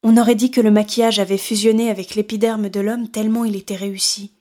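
Woman narrating a dark audiobook. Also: mid-range voice, level tone, fast talker. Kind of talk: scripted narration.

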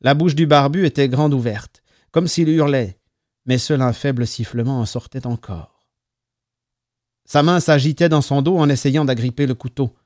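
A man reading a story aloud as narrator, calm between the voices. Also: medium pitch, normal speed, dry recording, studio quality. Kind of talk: audiobook narration.

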